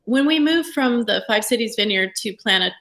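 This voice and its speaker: A woman's voice: fairly high pitch, lively intonation, normal speed, a bit bright. A woman, a pastor, speaking reflectively with frequent hesitations in a podcast interview.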